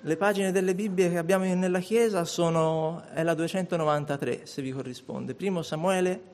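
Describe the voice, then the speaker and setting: Measured, slightly high-voiced male preacher. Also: a little mellow. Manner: measured, deliberate reading aloud. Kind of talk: sermon with Bible reading. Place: church.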